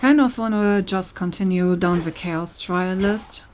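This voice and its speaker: A woman's voice: fairly low pitch, unhurried, a little hiss or hum. Chatty woman streamer playing a game. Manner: chatty, relaxed, thinking aloud. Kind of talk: casual gameplay commentary.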